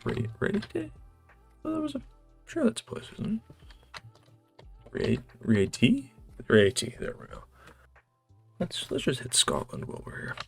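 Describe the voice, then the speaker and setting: Muttering quiz questions to himself, a North American man works through a geography quiz, thinking aloud casually and hesitantly. His high voice swings hugely in pitch, a little slow and creaky, with long pauses. Behind him are music and keyboard typing.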